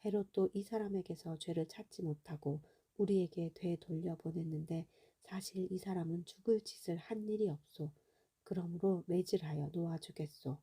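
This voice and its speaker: A woman's voice: lowish voice, breathy edge. A woman reading a weary Roman governor. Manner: measured, formal, hushed. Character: stern male Roman governor, weary judge.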